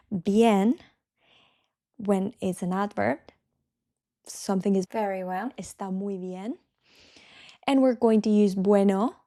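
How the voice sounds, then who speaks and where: Woman teacher explaining a lesson, mellow warm voice, slows way down to show how words sound. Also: mid-range voice. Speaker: Spanish teacher and channel host. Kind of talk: online language lesson.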